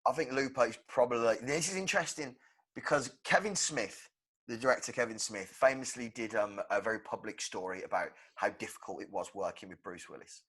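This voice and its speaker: A young man co-hosting a movie podcast in casual, animated chat. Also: mid-range voice, brisk, slightly rough. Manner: animated, acts out quotes. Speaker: podcast co-host.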